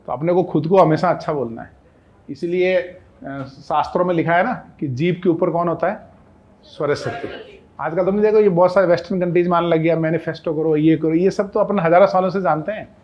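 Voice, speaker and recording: A man's voice: a little high, muffled recording. A male chemistry teacher with an Indian accent, giving a classroom lecture in a conversational, coaxing way and often putting questions to his students.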